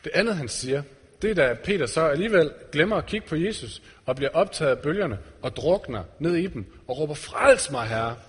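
Earnest and questioning, a male preacher speaks to his congregation in an echoing church hall. His voice is on the high side, breathy, with lively intonation.

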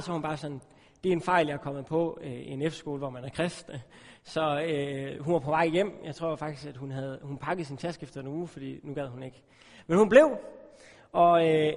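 A man preaches to his congregation in a loose, chatty way, with fillers and little jokes between points. His voice sits a bit high for a man. The sound rings with the long reverb of a big hall. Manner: casual, joking preaching with many fillers. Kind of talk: informal sermon with a personal story.

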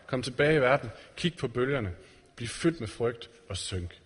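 Speaking at a mid-range pitch with an animated, breathy edge, a preacher gives an earnest sermon in a church hall. He questions his listeners directly, and the hall's reverb is clearly audible.

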